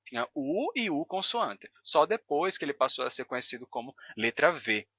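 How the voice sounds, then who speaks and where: A man with a Brazilian Portuguese accent explaining language in a video lesson. He talks in a didactic way and repeats sounds slowly to demonstrate them. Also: on the high side, sing-song, a bit bright, no echo, muffled recording. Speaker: language educator.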